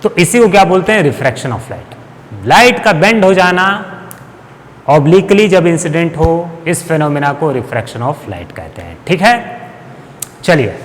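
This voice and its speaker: A man's voice: a little high, sing-song, measured pace, big-room sound, a little hiss or hum. A man teaching a physics lesson to school students, explaining step by step and asking and answering his own questions, speaking. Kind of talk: classroom lecture.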